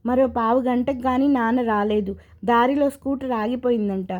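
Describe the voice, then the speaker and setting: Woman reading a grieving young husband, haunted, heartfelt, slow telling, high pitch, muffled lo-fi audio. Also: fairly even intonation, close to an everyday voice. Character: grieving young married man, haunted by past.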